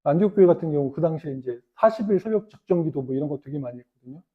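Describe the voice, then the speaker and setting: A man's voice: on the high side, animated, rapid-fire. A male pastor giving a conversational sermon, acting out the voices of the people he quotes. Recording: tinny phone-like sound.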